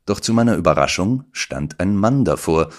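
A man narrating an audiobook in the first person, with measured storytelling. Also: sits low, lively intonation.

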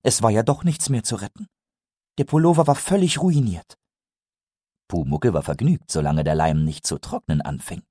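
A man narrating a storybook reading in a lively, expressive way. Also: fairly low pitch, moderate pace, slightly rough, no echo, clean studio sound.

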